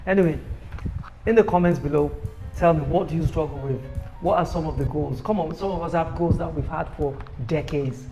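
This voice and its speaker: A man giving an upbeat, persuasive sales pitch for his own book, recorded on a phone camera. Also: brisk, soft background music, rough recording. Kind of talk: motivational self-promotion video.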